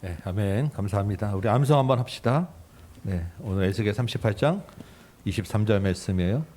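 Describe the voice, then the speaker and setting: Low mellow man leading recitation. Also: expressive, fairly quick, a little hiss or hum. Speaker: pastor.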